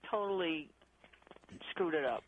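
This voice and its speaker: A woman's voice: low voice, measured pace, slight background noise. Woman radio caller, hesitant and rambling, tinny phone-line sound. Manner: hesitant, rambling, searches for the right words. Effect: voice heard over a phone line into a radio show. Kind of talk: casual call-in question.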